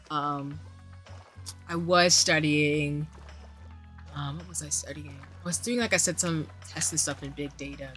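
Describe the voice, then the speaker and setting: A young adult woman streams a game and chats casually with her viewers, rambling with lots of asides and fillers. Her voice is lowish with a sharp tone.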